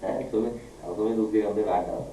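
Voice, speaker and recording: A man's voice: fairly low pitch, fairly even intonation, fast talker, noisy background. A male English teacher lecturing a class, firing questions at his students and scolding them. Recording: echoey room, far from mic.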